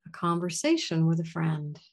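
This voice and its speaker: A woman leading a guided gratitude meditation in a soft, soothing voice. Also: sits low, very animated, moderate pace.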